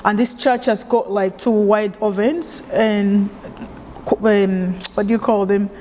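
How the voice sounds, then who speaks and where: A woman's voice: medium pitch, unhurried, big-room sound, a little hiss or hum. A woman chef originally from Uganda, talking in an easygoing, conversational way with plenty of fillers during an oral history interview. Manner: relaxed, conversational with frequent fillers.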